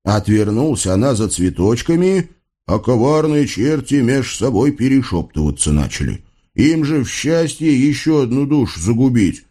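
A man narrating a folk tale as an expressive audiobook reading. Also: mid-range voice, moderate pace. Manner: lively folk-tale storytelling.

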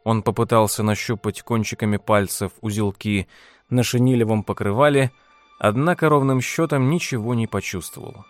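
A man narrating an audiobook in a steady, measured reading style. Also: fairly low pitch, no echo, faint music behind. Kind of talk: scripted narration.

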